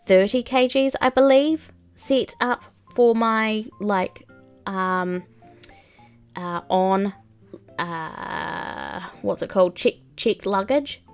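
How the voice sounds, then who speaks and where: A young woman chats casually on a live stream while playing a game, rambling with plenty of ums and likes. Her medium-pitched voice is clean in tone and slow, a bit sniffly from a cold, with faint music behind her.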